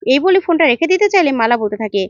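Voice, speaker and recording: A woman narrator retelling a TV serial episode in steady, brisk storytelling, in a dull, dry recording. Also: sits high, dry recording.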